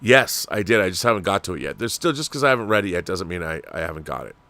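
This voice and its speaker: Speaking fast in a low-pitched, expressive voice that's bright and forceful, with no echo, this American livestream host from Washington state gives casual, opinionated commentary. He's discursive and conversational, addressing viewers, responding to their messages, and asking rhetorical questions.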